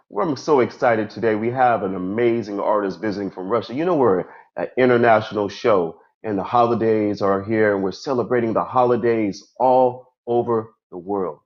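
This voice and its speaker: A man's voice: lowish voice, normal speed, dull audio. A man hosting a live stream interview, talking enthusiastically and effusively. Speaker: host.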